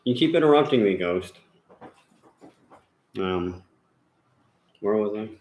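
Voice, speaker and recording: A man's voice: lowish voice, lively intonation, slow pace, darkish tone. A man hosting a paranormal investigation channel, chatting casually at home in a rambling way with lots of fillers and restarts. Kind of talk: casual chat. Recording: roomy echo.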